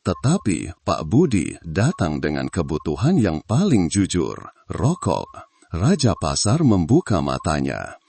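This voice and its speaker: A man reading a scripted story with steady, expressive narration. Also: low-pitched, a little slow, gravelly, a little hiss or hum.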